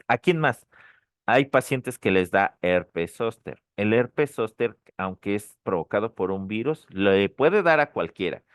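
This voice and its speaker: A lower-pitched man, teaching a pharmacology class online. He repeats the key terms and keeps checking in with a quick "ok?". The recording is close and dry. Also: clear, resonant tone, no echo. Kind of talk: online lecture. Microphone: dry close mic, online session.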